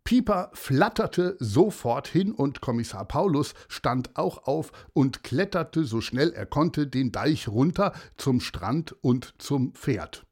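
Slow, lively children's storyteller. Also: medium pitch, slightly rough.

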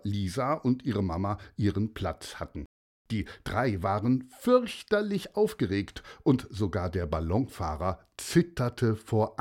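A man reading a children's story aloud in a gentle, explaining way, sometimes repeating small words. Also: medium pitch.

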